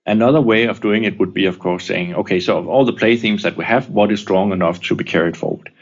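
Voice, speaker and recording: A man being interviewed, explaining in a measured, businesslike way. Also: lowish voice, lo-fi sound. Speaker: interviewed former company director.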